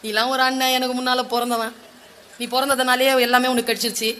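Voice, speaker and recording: A woman voicing the young warrior prince Arjuna in a low, hushed, respectful tone. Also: flat delivery, fast talker, a little hiss or hum. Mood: bitter.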